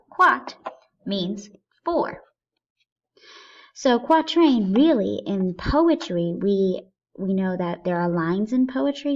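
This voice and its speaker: A woman teacher explaining poetry step by step, patiently thinking aloud and asking herself questions as she goes. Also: on the high side. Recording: dull lo-fi recording.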